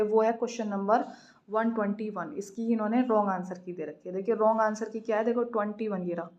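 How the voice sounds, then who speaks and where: A woman teaching an English exam practice lesson, reading out questions slowly and explaining answers in a mix of Hindi and English. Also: fairly high pitch, darkish tone, highs cut off.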